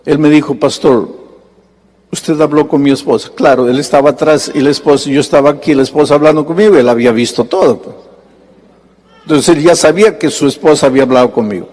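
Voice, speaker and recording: A male pastor delivering a sermon, telling a story and acting out the dialogue, his voice jumping high in animated bursts. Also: quick pace. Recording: long hall reverb.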